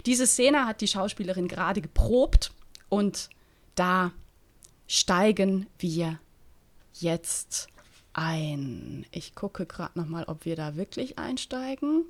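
A woman's voice: on the low side, animated, slow pace. A woman reading a story aloud with chatty asides to her listeners. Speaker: reader.

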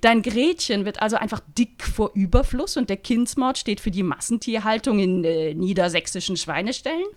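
A woman's voice: mid-range voice, moderate pace, hardly any pauses, lightly acted. A woman voicing a female theatre director who speaks dryly and with authority. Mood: sarcastic. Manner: dry, commanding.

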